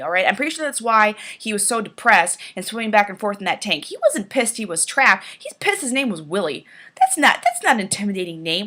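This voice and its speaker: A YouTuber with a medium-pitched, slightly bright voice and a head cold sniffles while mocking a children's book. Her commentary is casual, sarcastic, and profane.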